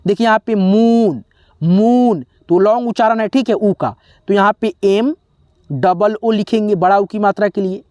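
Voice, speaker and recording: A man teaching a spelling lesson, slowly sounding out letters one by one and often pausing to check in with his viewers as friends. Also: high-pitched, darkish tone, smooth, no room sound, studio quality. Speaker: English teacher.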